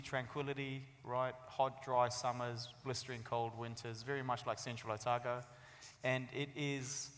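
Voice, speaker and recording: A man in his thirties who came from Afghanistan and later lived in New Zealand speaks as a guest author, telling his life story in an articulate way. His voice is mid-range and a bit bright. The recording has slight background noise and the long reverb of an echoey hall.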